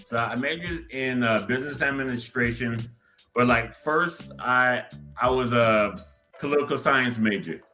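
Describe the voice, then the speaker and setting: Bright-voiced man, measured guest talk. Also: mid-range voice, faint music behind. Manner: measured, with many fillers and a sharp-edged timbre. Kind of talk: casual interview talk.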